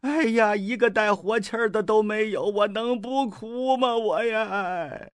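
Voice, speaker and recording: A man's voice: on the high side, sing-song, no room sound. A man doing a haughty wailing scholar. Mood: mocking wail. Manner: wailing, drawn-out scornful cries. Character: arrogant mocking male scholar, scornful, theatrical.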